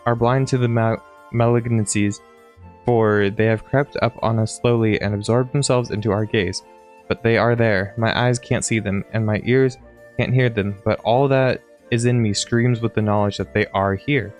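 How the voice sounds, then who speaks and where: A man reading out a worried old temple keeper from a game, urgently pleading for help in hushed tones. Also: medium pitch, fairly even intonation, moderate pace, soft background music, close to an everyday voice. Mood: anxious.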